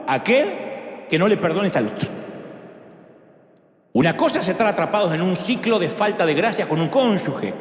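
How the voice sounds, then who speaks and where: Lively, high-voiced male preacher in an echoing hall. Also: moderate pace, long pauses. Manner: animated, humorous preaching with big swings in pitch. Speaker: pastor. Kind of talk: sermon. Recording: echoey hall sound.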